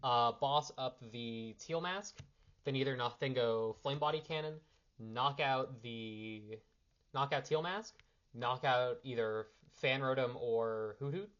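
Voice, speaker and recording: Speaking slowly in a mid-range, fairly bright voice, a slightly sick young card player casually walks through game lines off the cuff. The audio is dull, and he rambles and corrects himself as he handles cards in this impromptu strategy explanation.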